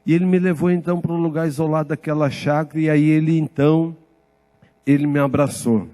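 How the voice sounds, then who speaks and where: Brazilian pastor, high-pitched man, lively sermon testimony that acts out every exchange. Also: quick pace, in a large hall. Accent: Brazilian Portuguese. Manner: lively storytelling, acting out dialogue.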